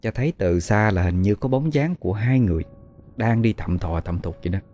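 Male ghost story host, Southern Vietnamese accent, very low and mellow, measured telling with fillers, soft music behind. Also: animated. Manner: slow, measured, hesitant with fillers. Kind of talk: storytelling narration.

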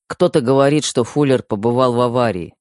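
A man's voice: mid-range voice, a little fast, darkish tone, dry recording, clean studio sound, close to an everyday voice. A man playing a protective teenage younger brother who talks strictly and wearily in an audiobook. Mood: weary. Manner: strict, weary. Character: teenage boy, protective younger brother, stern but tired. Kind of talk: audiobook character voice.

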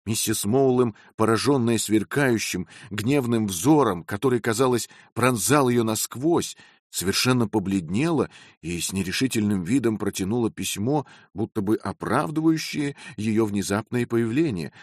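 A man narrating an audiobook in a steady, even reading voice. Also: fairly low pitch, moderate pace, dry recording, clean studio sound.

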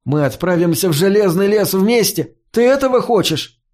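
A man's voice: on the high side, animated, unhurried, a little mellow, pitched above the performer's own voice. A man voicing an impatient, nervous teenage boy in an audiobook, his lines urgent and scolding. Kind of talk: audiobook character voice.

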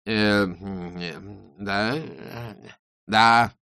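A man's voice: fairly low pitch, fairly even intonation, drawn-out words, sharp tone, clear, resonant tone, dry recording, clean studio sound, heavily acted. A man playing a stammering, flustered pop judge. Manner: hesitant, stammering.

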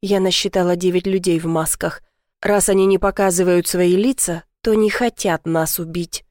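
A woman's voice: on the low side, steady tone, normal speed, darkish tone, dry recording, studio quality. A woman reading a dramatic first-person audiobook in an earnest, emotional way. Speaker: audiobook narrator. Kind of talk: scripted first-person narration.

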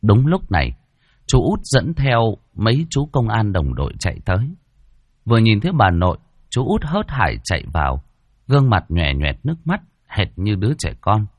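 A man's voice: lowish voice, sing-song, normal speed, no echo. A man narrating a first-person ghost story dramatically.

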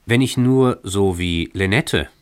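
A man voicing a gentle, loving young wife, speaking softly and tenderly in a radio story reading. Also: on the low side, slow, clear, resonant tone, no echo. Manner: soft and tender.

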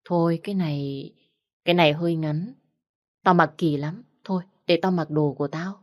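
A woman's voice: low-pitched, fairly even intonation, moderate pace, close to an everyday voice. A woman doing a tired, reluctant young woman. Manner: weary, hesitant.

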